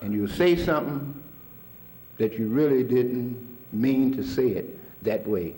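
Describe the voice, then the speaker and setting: A man's voice: mid-range voice, slow pace, dark tone. An older man telling stories to an audience in a colloquial way, chuckling often. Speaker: speaker recalling a mentor. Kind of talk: storytelling talk to an audience.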